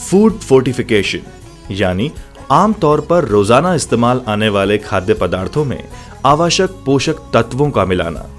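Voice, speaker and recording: A man narrates a documentary in a formal, measured way, with his pitch rising and falling in a lively arc. Soft guitar music plays faintly beneath his voice. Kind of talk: scripted narration.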